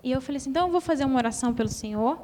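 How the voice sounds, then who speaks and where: Woman, Brazilian Portuguese accent, high voice, earnest emotional testimony, long church reverb. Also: racing, dark tone, a little hiss or hum. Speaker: church member giving a testimony.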